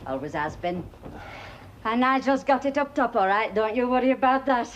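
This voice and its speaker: A woman's voice: on the high side, animated, moderate pace, muffled recording, slight background noise, natural voice. An actress playing a chatty, defensive mother from a mining village, proud of her son.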